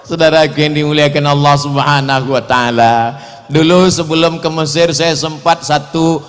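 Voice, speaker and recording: A man with a high, lively voice delivers a humorous sermon, swinging from soft asides to sudden loud peaks. His words ring out with a long reverb, as if he were in a large hall. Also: moderate pace. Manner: animated, joking, sharp swings in pitch and loudness. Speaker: preacher.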